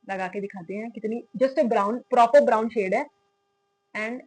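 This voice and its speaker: A woman's voice: on the high side, takes it slowly, a little mellow, slightly rough, low-quality recording. A young woman with an Indian accent chatting through a makeup tutorial, switching freely between Hindi and English. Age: young adult. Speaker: makeup vlogger.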